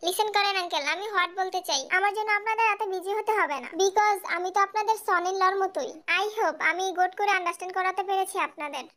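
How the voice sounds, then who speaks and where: A goofy young suitor, as a woman puts him on in a home-made audio drama. He talks in a stilted, mangled mix of English words, a high and bright voice with a self-important air. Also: quick pace, few pauses. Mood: pompous. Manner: stilted broken English mixed into speech.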